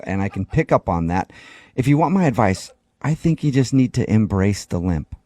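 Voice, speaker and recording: Deadpan man pranking by phone. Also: fairly low pitch, moderate pace. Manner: deadpan, sly, stifling laughs. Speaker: radio prank caller. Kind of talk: prank phone call posing as a doctor.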